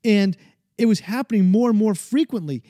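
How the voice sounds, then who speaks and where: A man's voice: high-pitched, lively intonation, normal speed, dark tone, dry recording, studio quality. A man in his forties telling his own story in a personal monologue, earnest and often searching for the right words. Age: 40s. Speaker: speaker sharing his mental health story.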